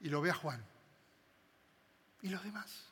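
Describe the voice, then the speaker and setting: A man delivers a sermon in a high, bright voice. He swings dramatically between loud emphatic bursts and hushed, quiet passages. A long reverb from a large hall trails his words. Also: lively intonation, a little slow, husky. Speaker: preacher.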